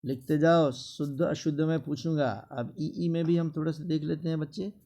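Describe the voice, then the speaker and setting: A male teacher speaking with a Bihari Hindi accent drills spelling words slowly in class, repeating each one for the students. His voice sits on the high side, creaky and mellow, with a level tone.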